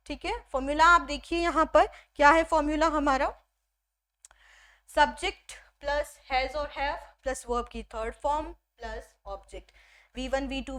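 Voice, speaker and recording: Female tutor, young adult, high voice, explains patiently, poses and answers own questions. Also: fairly bright tone. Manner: explanatory, asks and answers own questions, mixes Hindi with English. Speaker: teacher. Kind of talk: classroom-style grammar lesson.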